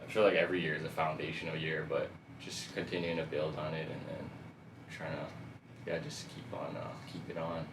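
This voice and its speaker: Laid-back male guest DJ with a very low voice, heard from a distance over faint background noise. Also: little pitch movement, brisk, reverberant. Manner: laid-back, loose slang-filled talk. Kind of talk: casual podcast chat.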